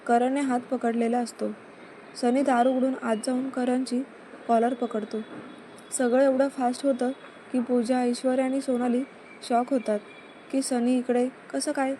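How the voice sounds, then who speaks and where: A woman narrating a romantic serial story at a steady, even pace. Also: sits high, a little slow, a little hiss or hum.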